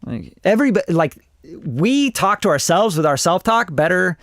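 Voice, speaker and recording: A Costa Rican music producer in his forties reviews songs on a livestream, chatting in a rambling, blunt way and swearing freely. His high voice swings widely in pitch at a normal speed with a fairly bright tone, and the studio-quality recording has no echo.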